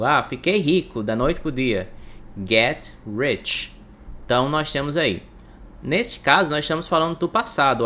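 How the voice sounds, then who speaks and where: A man gives an English lesson in Portuguese, drilling each word slowly and repeating it for his students. His pitch swings widely as he stresses words. A faint noise sits under the recording. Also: pushed and bright. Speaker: English teacher.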